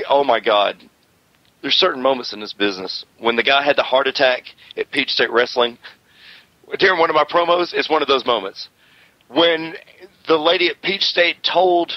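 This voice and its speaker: A man hosts a wrestling radio show, spinning stories as an animated, boastful, rambling storyteller. His voice has a fairly high pitch with no echo, and the radio audio sounds slightly dull.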